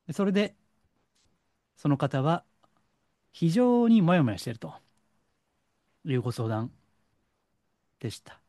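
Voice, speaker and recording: A middle-aged man from Kansai with a Kansai accent, a psychic counselor giving a lecturing solo talk and slowing down to stress points. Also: fairly high pitch, no echo, clean studio sound. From Kansai, Japan. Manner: lecturing, animated, slows for stress. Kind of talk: solo monologue to camera.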